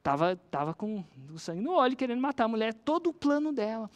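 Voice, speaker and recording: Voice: mid-range voice, sing-song, fast talker. A speaker with a Brazilian accent telling a story casually to teach a lesson about persuasion. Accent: Brazilian Portuguese.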